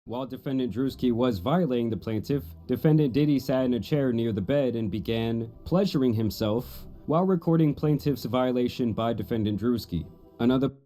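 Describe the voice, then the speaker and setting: A man reading a scripted commentary narration in a steady, matter-of-fact storytelling manner. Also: mid-range voice, fairly quick, faint music behind.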